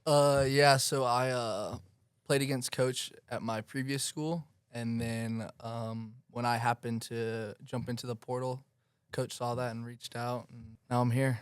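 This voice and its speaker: Smooth-voiced young man answering casually. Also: mid-range voice, flat delivery, measured pace, dry recording. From Florida, United States. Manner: casual, filler-heavy answers with restarts. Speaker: guest soccer player.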